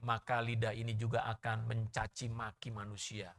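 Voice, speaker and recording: A man preaching a sermon as pastor, swinging between loud bursts and soft asides and questioning the congregation directly. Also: lowish voice, monotone, moderate pace, slight background noise.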